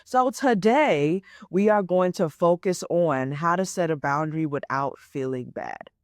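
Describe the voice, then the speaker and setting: A life coach in her twenties hosts a solo motivational podcast, speaking casually with a lowish voice at a measured pace. She keeps checking in with "right?" and "okay?" and repeats herself to drive points home. The studio-quality audio has no room sound.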